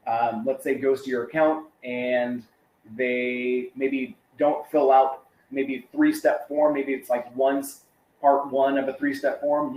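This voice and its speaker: A man's voice: medium pitch, darkish tone. Chatty man presenting a webinar, roomy sound. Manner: casual, filler-heavy, conversational.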